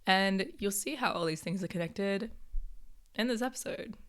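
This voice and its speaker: A young woman in her twenties hosting a podcast in a casual, chatty monologue, her voice hoarse from being sick. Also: mid-range voice, moderate pace. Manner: chatty, many filler "like"s. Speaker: podcast host.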